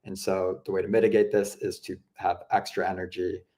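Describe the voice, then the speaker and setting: Talking viewers through a software tool, a young product presenter with a slightly low voice keeps things loose, as if chatting across a desk. He goes a little fast, and his relaxed explanation is packed with fillers like "um" and "you know."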